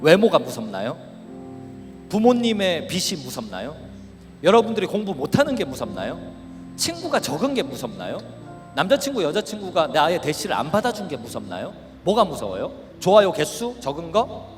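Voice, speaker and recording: A middle-aged male pastor preaching at a youth camp, animated and shouting at the peaks. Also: on the high side, moderate pace, long pauses. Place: large worship hall. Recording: reverberant hall with faint music.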